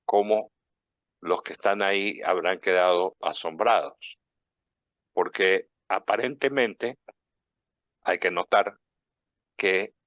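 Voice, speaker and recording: Deep-voiced radio preacher. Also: male voice, a bit bright, dry recording. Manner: reverent, unhurried preaching delivery. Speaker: radio program host. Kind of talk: radio prayer and gospel reflection. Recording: dull, dry radio studio sound.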